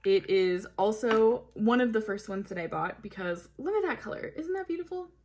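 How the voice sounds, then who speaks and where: A woman's voice: mid-range voice, animated, normal speed, a little mellow. A woman reviewing makeup in a casual, chatty way, gushing over each product with plenty of fillers. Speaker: beauty vlogger. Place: home, hot weather.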